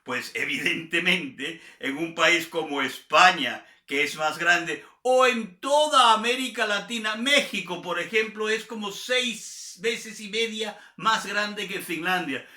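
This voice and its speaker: Slow Venezuelan man teaching Spanish. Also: high-pitched, bright, forceful tone, roomy sound. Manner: slow, deliberate, repeats and spells out words. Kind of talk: grammar review lesson.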